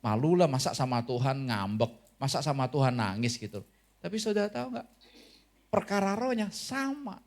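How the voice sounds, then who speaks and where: High-voiced man preaching animatedly. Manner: animated, conversational preaching with questions to the congregation. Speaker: pastor. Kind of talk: sermon. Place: church hall.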